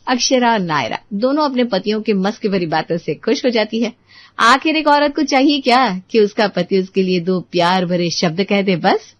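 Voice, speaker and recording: A woman narrating a family story in an expressive scripted way. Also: medium pitch, normal speed, dry recording, highs cut off.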